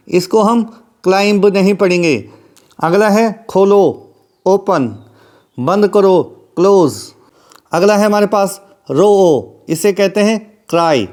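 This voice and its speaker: A man with a high voice runs a vocabulary lesson. He speaks slowly and deliberately and repeats every word to drill it in. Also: a little mellow. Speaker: English teacher.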